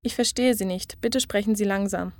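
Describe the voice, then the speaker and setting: Female tutor, clear deliberate delivery, dry close sound, for phrase-lesson reads. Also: medium pitch, no echo. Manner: clear, measured model pronunciation. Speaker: language tutor.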